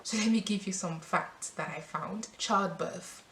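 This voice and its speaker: A woman's voice: medium pitch, a little slow. A woman from France talking earnestly to camera as a vlogger, reading statistics and then speaking freely. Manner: earnest and emphatic, with restarts when speaking freely. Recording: roomy sound with faint background noise.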